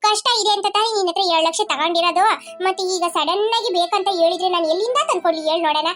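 Woman doing a worried cartoon mom, squeaky high voice, talks fast, begging everyone to calm down, music under. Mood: pleading. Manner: pleading, soothing. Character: anxious middle-aged mother pleading for calm. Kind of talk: cartoon voice acting. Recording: cartoon dialogue over music.

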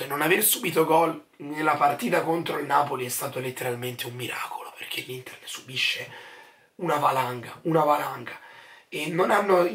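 Man in his twenties, hoarse lost voice, gravelly creak, fairly high pitch, casual football commentary. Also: bright, forceful tone. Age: 20s. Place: small furnished room at home, indoors.

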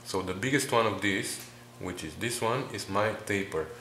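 Methodical low-voiced man explaining measurements. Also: bright, forceful tone, slight background noise. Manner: methodical, talking through numbers with pauses and fillers. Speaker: home mechanic explaining engine measurements. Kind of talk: step-by-step tutorial narration.

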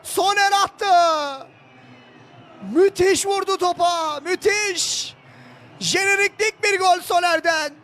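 A man giving live football play-by-play, screaming with excitement and stretching out his words as a commentator at a goal. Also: very high voice, slow.

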